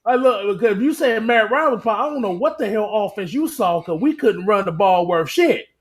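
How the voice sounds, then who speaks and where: A man with a high, light voice, talking football on a casual livestream. He gets animated, laughs a lot and repeats lines over and over to hammer a point home. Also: brisk, a loud crowd. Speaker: sports talk co-host. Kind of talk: casual sports chat livestream.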